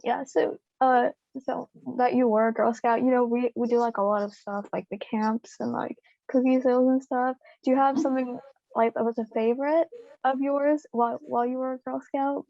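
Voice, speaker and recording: Young woman, highish creaky voice, hesitant. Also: steady tone, normal speed, mellow, dry recording, dull audio. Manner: hesitant, casual, frequent "like". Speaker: interviewer. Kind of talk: informal interview.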